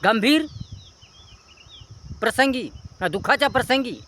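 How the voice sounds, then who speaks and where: A man's voice: very high-pitched, lively intonation, measured pace, bright, forceful tone, slight background noise. A man giving a preachy moral talk, listing near-synonyms in long repetitive chains. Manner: earnest, preachy. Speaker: motivational speaker. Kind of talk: moral advice monologue.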